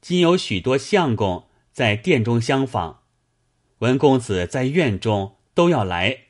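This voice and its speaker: A man's voice: medium pitch, very animated, takes it slowly. A man voicing a talkative male servant who speaks in a chatty, placating way. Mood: explaining.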